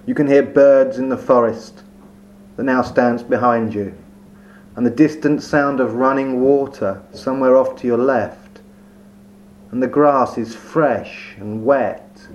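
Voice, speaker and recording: A man leading a guided meditation in a slow, soft, soothing voice with long pauses. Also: mid-range voice. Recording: dull lo-fi recording with faint hum.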